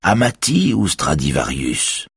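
A man's voice: rumbling low, huge pitch swings, takes it slowly, slightly rough, dry recording, studio quality, exaggerated voice. A man voicing a sinister male collector who keeps his menace tightly controlled behind a smile, read in an audiobook. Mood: cold. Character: sinister smiling male collector, cold host.

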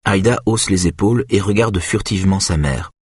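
A man narrating an audiobook in a steady, even storytelling way. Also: low-pitched, moderate pace, breathy edge, no room sound, studio quality.

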